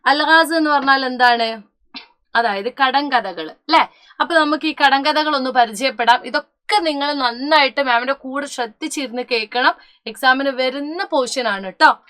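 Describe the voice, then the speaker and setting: High bright-voiced woman teacher. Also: normal speed. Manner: addresses students as children, asks and answers her own questions; mixes English words into her speech, corrects herself often. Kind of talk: online class lesson.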